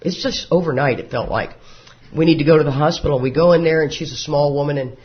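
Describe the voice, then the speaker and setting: A man in his fifties speaks with a drawl in a slightly high voice. He talks to a recovery group as a folksy, joking storyteller who laughs along with his own stories. The recording is dull and lo-fi. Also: fast. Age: 50s. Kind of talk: personal recovery talk to a live group.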